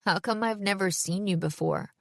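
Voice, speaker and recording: A woman's voice: mid-range voice, normal speed, vocal fry, no echo, studio quality, close to an everyday voice. Woman voicing a sardonic teenage girl, teasing. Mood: wry. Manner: teasing, mock-enthusiastic. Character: sardonic teenage girl, poetry slam host.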